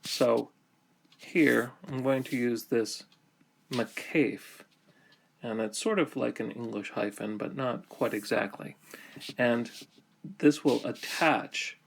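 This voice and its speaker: A man teaching a grammar lesson, explaining step by step in slow, deliberate phrases with many pauses. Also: medium pitch, vocal fry, a little hiss or hum.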